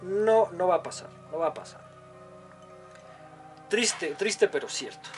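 Young mexican guy ranting casually, swears a lot, jokes around, voice sits a bit high. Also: animated, measured pace, soft background music. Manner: crude, joking and swearing. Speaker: video commentator. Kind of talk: casual reaction commentary.

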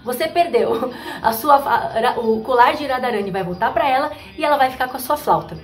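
A woman's voice: high-pitched, a little fast, roomy sound, soft background music, natural voice. A woman voicing a firm young female friend who referees the game and scolds a sore loser. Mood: scolding. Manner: scolding, matter-of-fact.

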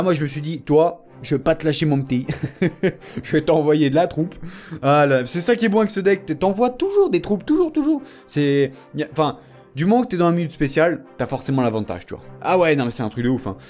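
A man with a fairly high voice commenting on his own gameplay. His pitch jumps all over the place as he goes from thrilled squeals to muttered planning, always chatting straight to his audience. Faint music plays behind him. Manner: excitable, swings between hyped shouts and mumbled asides; chatty slang, talks straight to viewers. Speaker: gaming video host.

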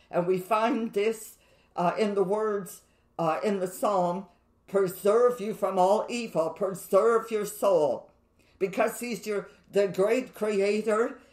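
Slow, measured woman teaching scripture. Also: medium pitch, darkish tone, echoey room. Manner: measured, repeats key phrases for emphasis. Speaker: Bible teacher.

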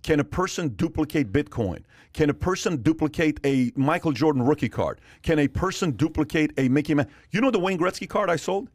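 A podcast host in his forties talks emphatically in an animated casual discussion, repeating phrases to drive his points home. His voice is on the high side with lively intonation, fairly quick and with hardly any pauses. He wears headphones at a boom-arm studio mic, giving dry, close-miked sound with no room tone.

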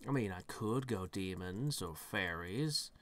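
A man's voice: sits low, animated, a little slow, a bit bright. A man giving let's-play commentary, thinking aloud in a rambling way with dry, self-mocking humour. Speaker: gaming channel host.

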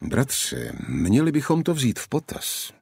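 A man doing a sardonic gentleman companion. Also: medium pitch, wildly swooping pitch, gravelly, slightly rough, no room sound, pitched above the performer's own voice, exaggerated voice. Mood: worried. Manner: dry asides, muttered. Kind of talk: audiobook character voice.

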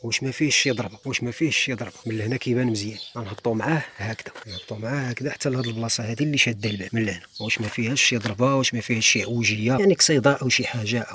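A man with a Moroccan Arabic accent rattles through a practical demonstration at a very quick clip, his voice sitting at a middling pitch. He talks casually, pointing things out as he works around a car outdoors. A faint hiss of background noise runs under the speech. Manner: fast, conversational, points things out while working. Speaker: car mechanic channel host. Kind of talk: hands-on instructional walkthrough.

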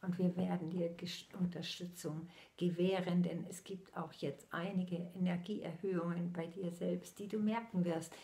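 A spiritual medium, a woman in her sixties, delivers a channeled message slowly and solemnly with her eyes closed, often sinking into soft whispers. Her fairly low, gravelly voice barely moves in pitch. She is recorded close up on a laptop in a small room at home.

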